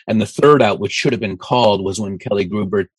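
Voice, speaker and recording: Brief: middle-aged male co-host, lowish voice, deadpan ribbing, dry close sound. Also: a little fast, slightly rough, dry recording. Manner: dry, teasing humor. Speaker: podcast co-host. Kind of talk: casual chat. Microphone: video call.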